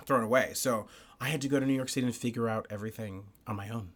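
A man's voice: medium pitch, fairly even intonation, fast, a little hiss or hum. A man in his thirties from the Bahamas, chatting animatedly as an interview guest in a theater basement, full of "like" and "you know what I'm saying". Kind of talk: casual interview chat.

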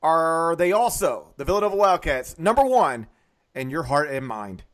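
A man hosts a sports podcast with a North Mississippi accent. His voice sits a bit high for a man, and he talks through the games as conversational commentary. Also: sing-song, normal speed, fairly bright tone. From Mississippi, United States.

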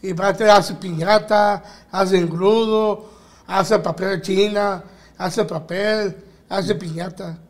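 A man with a Sinaloa Mexican Spanish accent answers in short, simple bursts. His voice sits high for a man. The talk is loose and playful. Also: steady tone, slow. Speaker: guest of the show. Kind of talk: casual chat.

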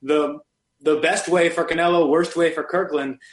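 A man co-hosting a sports podcast in casual chat, halting with many restarts and fillers. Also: fairly high pitch, fairly even intonation, reverberant. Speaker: podcast co-host.

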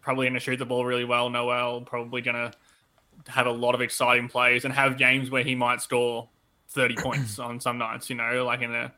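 Male sports podcast co-host, very bright forward tone, conversational and analytical, voice touched by tonsillitis. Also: medium pitch, completely flat delivery, fairly quick. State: tonsillitis-affected voice that comes and goes. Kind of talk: casual sports podcast chat.

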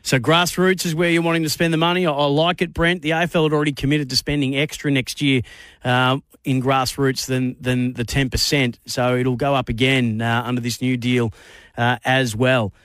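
A man's voice: mid-range voice, little pitch movement, normal speed, fairly bright tone, dry recording. An Australian man presenting a sports talkback radio show as its host.

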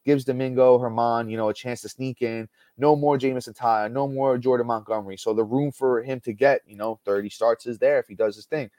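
A man hosts a sports podcast in a relaxed, chatty way, reeling off numbers between fillers and restarts. His voice sits in a middle register with a dry, close sound. He talks from home over a call. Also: medium pitch, fairly quick, hardly any pauses, no room sound. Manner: chatty, stat-heavy, many fillers and restarts. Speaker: podcast host. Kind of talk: casual sports podcast talk.

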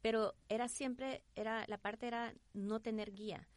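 A woman answering as an interview guest, informal and animated, restarting her thoughts and acting out little quotes of herself. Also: a little high, moderate pace, dry recording. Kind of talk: conversational interview.

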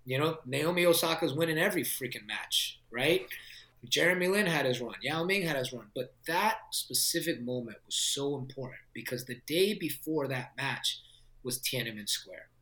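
A man's voice: medium pitch, normal speed, roomy sound. A man, a film director, telling stories in a casual interview with lots of laughter and fillers. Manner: animated, laughing storyteller with many fillers.

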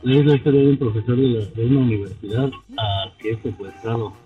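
A man voicing a young male assistant who mumbles flatly over a bad phone line. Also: mid-range voice, brisk, distant mic, pitched below the performer's own voice. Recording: tinny phone line with music.

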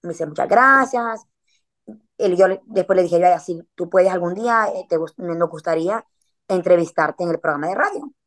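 A woman's voice: lowish voice, a little fast. A woman, chatting casually as a podcast guest and telling a story in a slangy way, with frequent filler words.

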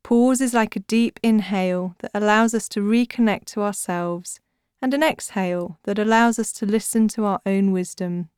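Female narrator for guided relaxation: mid-pitched, clear and smooth, soothing sleep-story delivery, measured and deliberate. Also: darkish tone, no room sound, studio quality. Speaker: podcast host and author guiding breathing practices. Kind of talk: scripted narration.

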